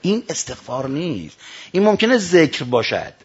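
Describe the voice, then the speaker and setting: Gravelly-voiced man preaching a sermon. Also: a little high, wildly swooping pitch. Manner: swings between loud emphatic lines and hushed quotes. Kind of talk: religious sermon with storytelling. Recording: dull lo-fi recording.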